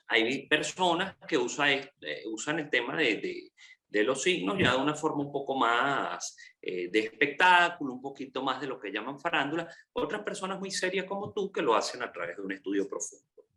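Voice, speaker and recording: A male interviewer with a bright, lively voice that rises and falls a lot. He affirms his guest warmly in words and builds long questions with many hesitant fillers. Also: medium pitch. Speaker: interview host.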